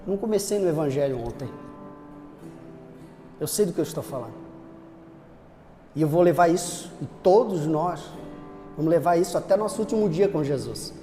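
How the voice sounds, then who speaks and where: A male pastor with a Brazilian accent preaching a sermon, animated, with rhetorical questions and acted voices. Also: fairly high pitch, normal speed, long pauses. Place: church. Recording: reverberant church hall, faint music.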